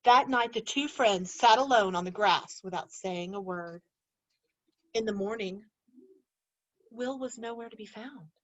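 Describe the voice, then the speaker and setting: A woman teacher reads a picture book aloud to children, her medium-pitched voice keeping a measured pace with frequent pauses. She tells the story in an animated way and stops often to ask the kids questions. The recording is dull and lo-fi.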